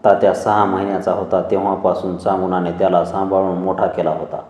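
Low, flat-voiced man reading a story. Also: a little fast. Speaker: story narrator. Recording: echoey, dull lo-fi reverb.

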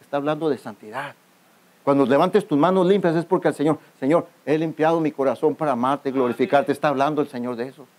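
A man's voice: a little high, fast, a little mellow. Fervent preacher man calling for responses. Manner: calls out to the congregation for responses; keeps addressing listeners as brother. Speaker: pastor. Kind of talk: youth camp sermon. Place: outdoor youth camp gathering.

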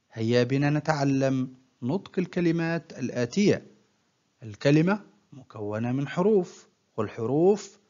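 A male teacher leads a recorded reading lesson for young children, speaking at a very slow, deliberate pace. He breaks each word into single sounds and cheers the learner on as he goes. The recording is somewhat muffled and lo-fi. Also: mid-range voice, a little mellow. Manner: slow and patient, spelling out words sound by sound and praising the learner. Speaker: primary school Arabic teacher.

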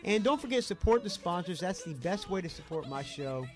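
A man's voice: high-pitched, lively intonation, fairly quick. A man with a Southern US accent hosting a rock podcast, talking in an enthusiastic, rambling way. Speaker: podcast host. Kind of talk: casual podcast intro and interview. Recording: rock music playing underneath. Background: rock music.

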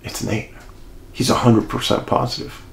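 A man hosting and telling a true-crime mystery story in an animated way, speaking straight to his listeners. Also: medium pitch, moderate pace, vocal fry, echoey room, a little hiss or hum. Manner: animated, addresses listeners as folks. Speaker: host and storyteller.

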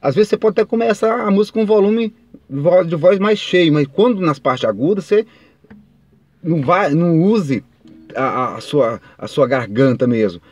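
A man's voice: on the high side, expressive, moderate pace, darkish tone, no echo, soft background music. A man, giving casual singing tips in a chatty, rambling way, speaking straight to his viewers. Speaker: singing teacher. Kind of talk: casual vocal tips talk.

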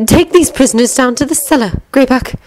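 Woman reader doing haughty noblewoman, slow, slightly high. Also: darkish tone, a little hiss or hum, close to an everyday voice. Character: cool, proud noblewoman, lady of the house.

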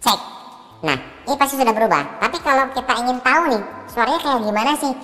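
A man voicing a small silly cartoon Minion through a voice changer that makes his voice higher and cartoonish. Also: very animated, quick pace, bright, forceful tone, in a large hall, soft background music, heavily acted. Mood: playful demonstration. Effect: voice-changer filter, higher cartoonish voice. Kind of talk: software demonstration chat.

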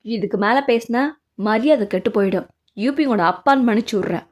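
A woman puts on the voice of a stern male master healer, pitched well below her own range and delivered in firm, even, authoritative tones. He gives calm orders in a storybook drama read by a single voice actress. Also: brisk, natural voice. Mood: threatening.

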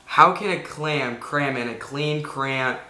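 A young man, around his late teens, hosting a casual home vlog with an informal, halting delivery. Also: mid-range voice, heavy background noise. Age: teens to young adult. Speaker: video host. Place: indoors in a room at home. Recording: echoey untreated room.

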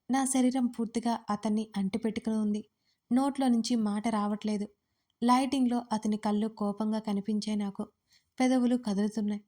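A woman telling a first-person romance story with expressive, dramatic delivery. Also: a little high.

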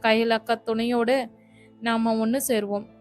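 A woman's voice: on the high side, level tone, normal speed, faint music behind, close to an everyday voice. Woman reading as a mischievous young sweetheart. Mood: teasing. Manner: teasing, reassuring.

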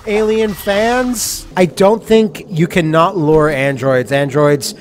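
A young man doing excitable, crude, jokey let's play commentary, breaking into loud bursts. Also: on the high side, slow, a little hiss or hum. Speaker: gaming commentator.

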